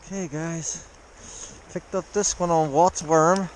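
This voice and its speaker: A man's voice: on the high side, takes it slowly, slight background noise, rough recording. A man fishing in a cold creek, talking through a face mask that muffles his voice, chuckling as he chats to viewers. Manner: excited, chuckling, talks to viewers as he fishes. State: cold, frozen. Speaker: fly-fishing vlogger. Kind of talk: casual running commentary while fishing. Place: outdoors, wading in a creek. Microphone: body or handheld camera.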